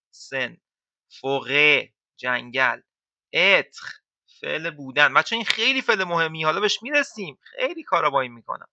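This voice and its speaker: A man teaching French to beginners in a casual, chatty way, repeating words slowly for learners. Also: on the high side, bright, forceful tone, no echo. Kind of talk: casual lesson explaining to beginners. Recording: dull lo-fi dry sound.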